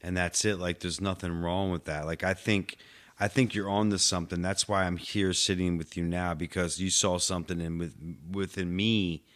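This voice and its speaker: A man's voice: sits low, fairly even intonation, normal speed, fairly bright tone. A man co-hosting a podcast in casual chat, heartfelt and open, filling his sentences with "like". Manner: heartfelt, filler-heavy, says "like" constantly. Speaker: podcast co-host.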